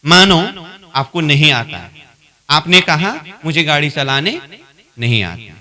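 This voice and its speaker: A man's voice: fairly high pitch, very animated, measured pace. A man leading a spiritual training class, repeating his points, asking the class questions and acting out both sides of an argument. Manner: acts out both sides of a dialogue, louder as it escalates.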